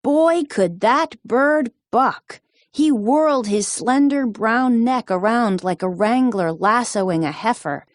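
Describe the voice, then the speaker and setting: A woman narrating a children's storybook in a slow, deliberate storytelling manner. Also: on the high side, no echo, clean studio sound. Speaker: storybook reader.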